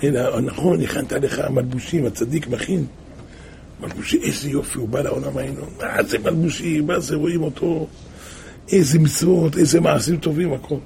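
Gravelly man telling a folksy parable. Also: fairly high pitch, a little hiss or hum. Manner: animated folksy storytelling with rhetorical questions. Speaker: religious preacher. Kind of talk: parable storytelling sermon.

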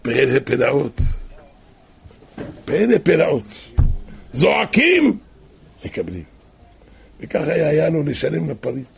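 A man telling a religious tale as a sermon, dropping to hushed asides and then crying out loud repeated calls. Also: creaky, pauses often, slight background noise. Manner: shifts from hushed low asides to loud cried-out repetitions. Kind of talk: storytelling sermon.

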